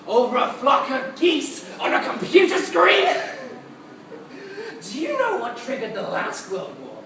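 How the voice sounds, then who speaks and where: A man with a high voice performs as a crazed, theatrical supervillain clown, delivering a dramatic and mocking stage monologue while stretching out words for effect. He's in a large cinema auditorium, picked up by a recorder placed far away in the room, so the sound is echoey and noisy.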